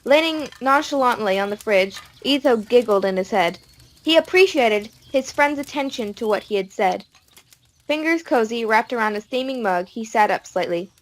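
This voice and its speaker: A woman narrating an audiobook in a steady storytelling manner. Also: fairly high pitch, normal speed, poor audio.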